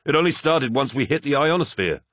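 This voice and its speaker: A man voicing an excitable starship flight officer who explains things quickly and a little flustered, pitched higher than his own voice. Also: dry recording. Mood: urgent.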